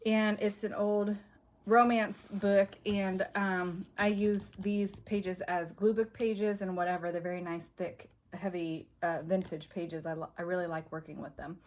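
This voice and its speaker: A woman's voice: medium pitch, slight background noise. A woman hosting a crafting channel, chatting casually while out of breath, scattered and apologetic as she thinks aloud. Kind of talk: casual chat.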